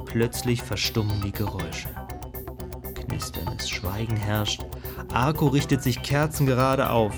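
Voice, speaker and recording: A man giving scripted audiobook narration in a vivid, expressive storytelling manner. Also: medium pitch.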